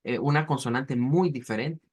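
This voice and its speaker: A man teaching a language class, explaining pronunciation slowly and patiently, with frequent fillers and restarts. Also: medium pitch, a little mellow. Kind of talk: online class lecture.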